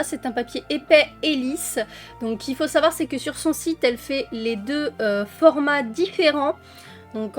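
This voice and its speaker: A French woman casually presenting coloring books in a chatty vlog, with many fillers and fond little words. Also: high voice. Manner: chatty, with frequent fillers and diminutives. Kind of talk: casual flip-through vlog.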